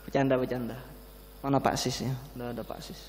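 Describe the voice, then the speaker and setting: A man's voice: mid-range voice, flat delivery, brisk, a little mellow, a little hiss or hum. Masked male preacher, echoing hall. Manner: speaking through a face mask; conversational, explanatory, with rhetorical questions. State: slightly breathless. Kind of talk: Islamic sermon to a congregation. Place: large mosque hall, indoors. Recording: long hall reverb in mosque.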